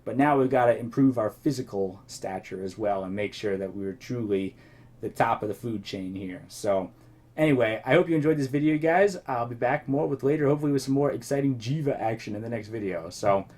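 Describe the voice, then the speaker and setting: Here a male host comments loosely on the game he's playing, speaking briskly in a mid-range, slightly mellow voice. He rambles and thinks aloud, his voice a bit worn from slightly losing it.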